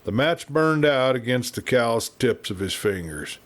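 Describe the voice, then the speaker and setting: An American man narrates a Western story for an audiobook, using a measured, dramatic storytelling delivery. His pitch is medium and his reading is very animated.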